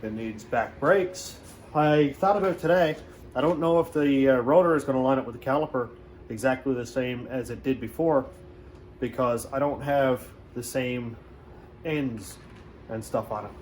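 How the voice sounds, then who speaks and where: A man vlogging about building his hot rod, talking in a relaxed, rambling way with fillers, recorded on a camera mic outdoors and in a garage. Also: medium pitch, moderate pace. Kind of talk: casual shop vlog. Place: outdoors in wind and in a garage shop. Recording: noisy outdoor wind and traffic.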